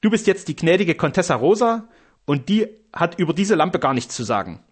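A man's voice: a little high, big pitch swings, fairly quick, husky, pitched above the performer's own voice. A man voicing a boastful old castle steward with pompous, theatrical bluster.

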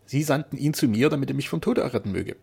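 A proud old duke in a storybook, effusive and cheerful, as a male reader plays him. The voice is gravelly and very husky. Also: medium pitch, lively intonation, fast, mellow, voice pushed up. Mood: joyful. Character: older duke, proud and joyful father.

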